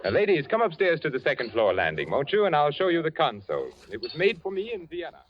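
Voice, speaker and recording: Courtly odd widower in an old radio play, lively up-and-down voice, muffled old broadcast, soft organ behind. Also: male voice, on the high side, fast talker. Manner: suave, courtly, with soft chuckles. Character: eccentric rich widower, cultured organ lover. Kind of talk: 1940s radio acting.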